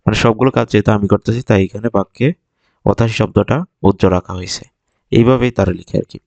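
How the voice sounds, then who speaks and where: A man's voice: on the low side, fairly even intonation, fast talker, gravelly, a little mellow, no echo, highs cut off. A male language teacher whose first language is Bengali, patiently explaining vocabulary and repeating each word to drill it in. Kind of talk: vocabulary lesson, explaining words.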